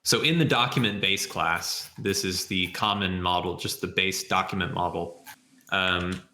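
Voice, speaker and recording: A man who is a software developer answering questions in a live session, thinking aloud and explaining things step by step. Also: on the low side, echoey room, a little hiss or hum. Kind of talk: live Q&A with screen demo.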